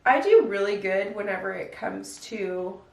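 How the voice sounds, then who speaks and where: A woman's voice: medium pitch, measured pace, gravelly. A young woman, a stay-at-home mom, chatting casually through a step-by-step get-ready-with-me routine at home. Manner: chatty, relaxed, step-by-step how-to with lots of "like". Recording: echoey room, voice a bit distant.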